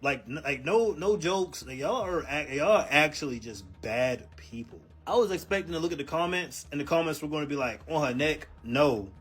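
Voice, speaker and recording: Brief: man, slightly high voice, exasperated halting rant. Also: expressive, fairly bright tone, breathy edge, faint music behind. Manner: exasperated, repetitive, halting restarts. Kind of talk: casual reaction rant.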